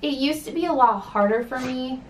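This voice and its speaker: A woman's voice: high-pitched, normal speed, distant mic. A young woman from California chatting casually on her channel, sassy and full of ums. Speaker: vlogger. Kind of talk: casual chat. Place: home room. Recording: echoey room with faint background hiss.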